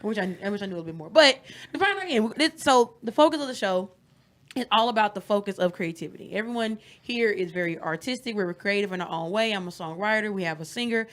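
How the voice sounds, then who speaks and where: A woman's voice: medium pitch, expressive, fast talker. A woman from Mississippi hosting a podcast interview in a chatty, easy manner, laughing often and repeating words as she goes. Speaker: podcast host. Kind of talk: casual interview chat.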